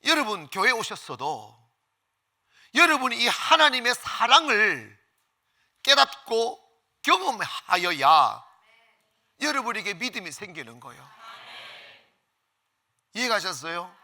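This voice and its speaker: A man preaching a Sunday sermon in a bright, forceful voice with a high pitch. His delivery is fervent and lively, swinging widely up and down as he leads the congregation in call-and-response. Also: slow pace, pauses often. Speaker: pastor.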